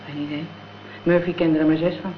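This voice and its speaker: An actress with a low, fairly flat voice close to her everyday one speaks briskly and matter-of-factly as a gangster's tough, vengeful girlfriend in a radio drama. Her lines come in blunt, scornful slang. The old radio play recording sounds dull and noisy.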